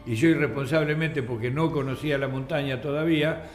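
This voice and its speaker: An older man with an Argentine accent, a radio guest telling anecdotes in a lively way and acting out the voices in his stories. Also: medium pitch, a little fast. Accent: Argentine Spanish. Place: radio studio. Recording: roomy radio studio with faint music.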